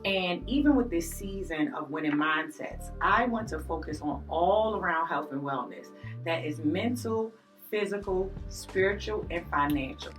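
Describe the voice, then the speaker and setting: A woman hosting a podcast, greeting her audience and guests in an animated, drawn-out way with playful asides. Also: on the low side. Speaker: podcast host. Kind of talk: enthusiastic podcast welcome and interview. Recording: distant mic with faint music behind.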